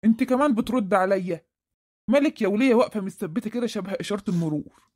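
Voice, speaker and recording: A woman voicing a stern middle-aged Egyptian father in a cartoon, gruff and sarcastic as he scolds his family, with an Egyptian accent. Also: mid-range voice, very fast, mellow, natural voice. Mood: scolding. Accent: Egyptian Arabic. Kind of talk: cartoon voice acting.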